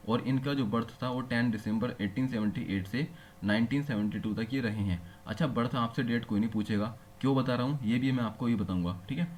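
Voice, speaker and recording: A man of middle pitch, his voice a little mellow, delivers a classroom lesson with patient explanations. He often checks comprehension by firing short questions at his audience, and a faint noise hums in the background.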